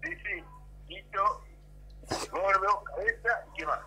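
A man's voice: sits high, takes it slowly, sharp tone, breathy edge, rough recording. A man calling in by phone, rambling hesitantly and offering blessings. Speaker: caller. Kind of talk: phone call-in chat.

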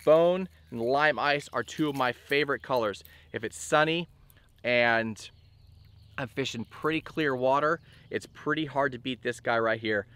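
A man in his thirties giving a relaxed, chatty fishing gear review to camera outdoors by a lake, with a lot of fillers. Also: medium pitch, unhurried, smooth, dry recording. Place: outdoors on a bass boat by a lake.

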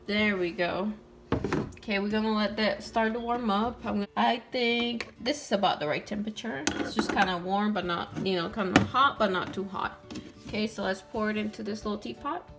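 In a toy kitchen indoors, a young woman runs her doll channel, narrating doll-play cooking in a sweet, chatty tone aimed at viewers and a doll. Her voice is medium-pitched at normal speed, and background music plays underneath.

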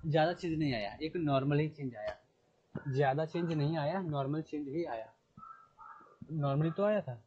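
A man's voice: fairly high pitch, dark tone, a little hiss or hum. A male teacher explaining a lesson, repeating key terms and asking his students questions before answering them himself. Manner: reads English text slowly before explaining. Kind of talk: classroom lecture in Hindi mixed with English. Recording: phone-like lo-fi sound.

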